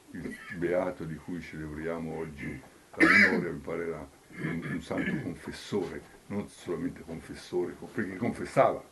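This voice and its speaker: A man, a priest giving a homily who reads scripture, then swings between loud calls and near whispers. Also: low voice, slight background noise.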